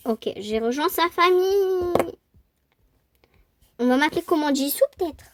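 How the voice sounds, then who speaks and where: A woman from France chatting excitedly while playing a role-play game, squealing over cute things. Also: high-pitched, measured pace, background noise. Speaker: gaming YouTuber. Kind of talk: casual gameplay commentary.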